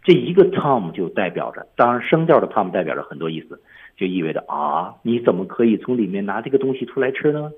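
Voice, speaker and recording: Husky animated man teaching over a phone line. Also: on the low side, fast. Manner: explains film lines step by step, lively. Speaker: English teacher. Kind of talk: radio English lesson.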